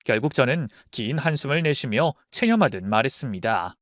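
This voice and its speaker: A woman telling a heartfelt true story in a calm, scripted narration. Her pitch moves in lively rises and falls. The recording is dry and close. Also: normal speed, no room sound.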